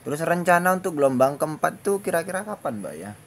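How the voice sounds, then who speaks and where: A man's voice: a little high, big pitch swings, quick pace. A man making a casual enquiry as a caller on the phone. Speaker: caller to a helpline. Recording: phone call with faint background noise.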